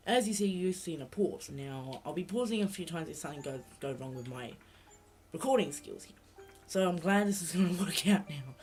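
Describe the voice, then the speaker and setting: Young guy rambling thru a let's play, stuffy nose, laptop mic, game music behind. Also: high voice. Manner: rambling, self-correcting, chatty. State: blocked nose. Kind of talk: casual let's play commentary.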